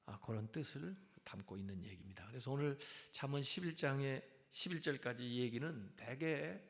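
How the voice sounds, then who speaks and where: A male pastor giving a sermon, calmly explaining scripture verse by verse in a teaching tone. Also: medium pitch, moderate pace. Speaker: senior pastor. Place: church sanctuary. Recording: long reverb of a church hall.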